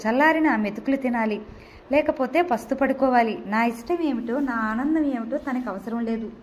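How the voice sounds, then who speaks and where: A woman's voice: a little high, a little hiss or hum, close to an everyday voice. A woman voicing a distraught male doctor who broods and complains at length, in an audio novel reading.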